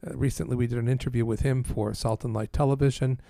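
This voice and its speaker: A man from Canada, a priest and press aide, speaking as an interview guest in an earnest, measured way with dry quips. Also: mid-range voice, steady tone, vocal fry, dark tone, no echo.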